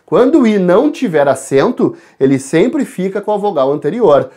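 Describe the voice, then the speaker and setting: Lively Brazilian teacher going over an exam. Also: mid-range voice. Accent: Brazilian Portuguese. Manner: talks to the class, spells out letters and counts sounds aloud; shifts between quick asides and slow stressed words. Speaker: Portuguese teacher. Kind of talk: recorded exam-correction class.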